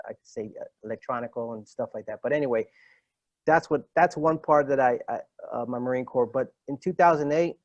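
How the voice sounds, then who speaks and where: A man's voice: mid-range voice, darkish tone, no echo, dull audio. A man in his fifties, a retired Marine sergeant, telling stories in an interview, acting out quoted dialogue with many fillers and restarts. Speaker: retired Marine master gunnery sergeant, podcast guest. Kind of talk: casual interview storytelling.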